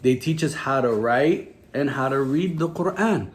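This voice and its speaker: A religious teacher with a medium-pitched, animated voice gives children a lesson at a measured pace. Using simple phrases, the teacher asks questions and prompts the kids to repeat, with clear background noise in the recording.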